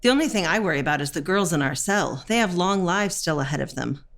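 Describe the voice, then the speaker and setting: A firm, unbreakable woman of forty-nine, with a lowish voice. She speaks in a steady, matter-of-fact way, giving stage testimony drawn from real accounts. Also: fast talker. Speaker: actor. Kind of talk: documentary theatre testimony.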